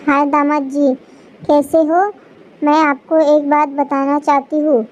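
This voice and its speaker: A woman voicing a meddling, bossy mother of the bride in an animated story, giving scheming orders. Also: high-pitched, measured pace.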